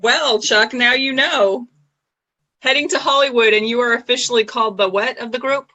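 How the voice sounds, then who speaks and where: A bubbly woman hosts a casual live-streamed chat over a video call. Her voice sits high and bright, and she giggles and exclaims often. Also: normal speed, muffled recording. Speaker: show host.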